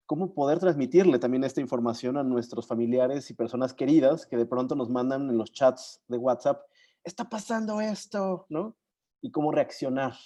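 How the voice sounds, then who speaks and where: A courteous man hosts an online learning session with a mellow, relaxed voice. He speaks over a video call, pausing and hesitating a little as he introduces people. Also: mid-range voice. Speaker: session moderator.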